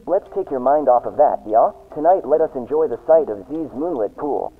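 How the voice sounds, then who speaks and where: A man's voice: medium pitch, expressive, normal speed, pitched above the performer's own voice. A man putting on a mock German accent to voice a cheerful, hammy German show host with a bouncy, sing-song delivery. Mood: cheery. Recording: tinny lo-fi tape with music.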